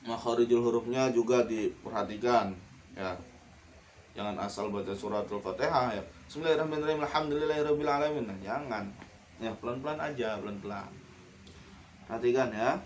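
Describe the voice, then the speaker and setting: A man teaching a Quran lesson, reciting verses in a slow, drawn-out chant and then quickly correcting pronunciation. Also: fairly low pitch, a little hiss or hum.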